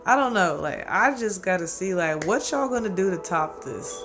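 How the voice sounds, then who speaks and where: High-voiced man ranting about anime over music. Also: normal speed. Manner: rambling, profane, excitable, quotes himself. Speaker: anime reaction host. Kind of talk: casual solo anime commentary.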